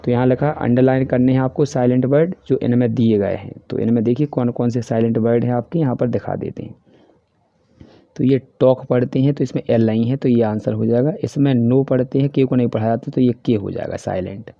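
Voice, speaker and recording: A man with a Hindi accent teaching a class worksheet, explaining each answer step by step and reading the English questions slowly. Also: medium pitch, steady tone, vocal fry, dry recording. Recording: dry, dull lo-fi voice-over.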